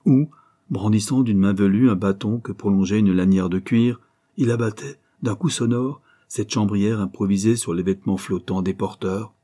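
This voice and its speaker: A man narrating an audiobook story in a measured, expressive reading. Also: fairly low pitch, breathy edge.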